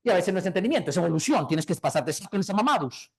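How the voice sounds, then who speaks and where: A man's voice: sits high, very animated, vocal fry, breathy edge. A Colombian man giving a motivational business talk to an audience, emphatic, hammering key words again and again. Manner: fast, emphatic, repeats key words over and over. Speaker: business speaker.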